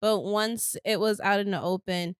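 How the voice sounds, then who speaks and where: A woman in a casual podcast chat, animated, acting out what other people say and laughing often. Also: mid-range voice, moderate pace, smooth, dry recording, studio quality. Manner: animated, acts out quoted voices, laughs often.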